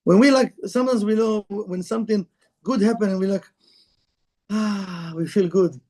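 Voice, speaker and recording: High-voiced man teaching in broken English. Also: a little fast, darkish tone. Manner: conversational, broken English, asks the room questions. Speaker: Kabbalah teacher. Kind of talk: informal spiritual lecture to a live group.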